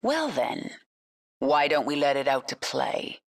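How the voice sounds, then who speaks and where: A woman's voice: deep voice, very animated, unhurried, heavily acted. An actress playing a cold, commanding female alien swarm queen who speaks in terse orders. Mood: dry. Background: game score music.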